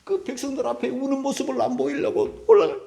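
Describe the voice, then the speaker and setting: A man preaching an emotional sermon as pastor, swinging from cries to hushed whispers and asking the congregation for assent. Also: very high-pitched, steady tone, fast, creaky.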